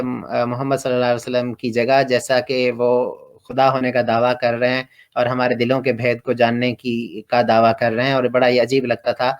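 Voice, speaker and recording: A middle-aged man from Pakistan, telling his personal story slowly and hesitantly, with many pauses and fillers. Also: mid-range voice. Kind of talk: reflective personal testimony.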